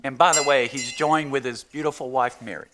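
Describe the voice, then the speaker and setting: A man's voice: mid-range voice, fairly even intonation, a little fast. A man chairing a council meeting as mayor in a formal, matter-of-fact procedural manner, indoors in a council chamber. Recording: clear background noise and clicks.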